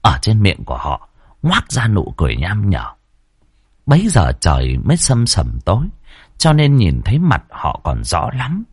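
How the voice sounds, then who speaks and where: Husky, lively male ghost-story narrator. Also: on the low side, normal speed, dry recording, clean studio sound.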